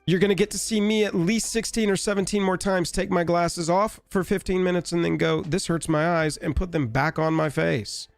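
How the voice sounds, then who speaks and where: A man with a raspy, hoarse voice from being sick, hosting a casual live stream in a rambling, wry, offhand way. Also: sits high, fairly even intonation, brisk, hardly any pauses, no echo, soft background music.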